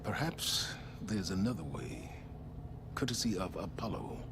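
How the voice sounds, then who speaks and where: An actor playing an aloof, calculating older male scholar in a video game, speaking in a measured, formal, portentous way. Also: deep voice, expressive, background noise. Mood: grave, satisfied. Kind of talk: video game character dialogue.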